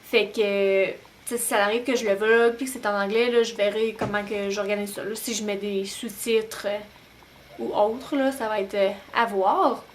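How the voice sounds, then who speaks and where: A young woman with a Québécois French accent talking casually to camera at home as a new-mom vlogger, relaxed and full of hesitant pauses. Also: mid-range voice, slight background noise. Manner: chatty, many "euh" pauses, relaxed. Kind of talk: casual vlog talk to camera. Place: home, bedroom at night.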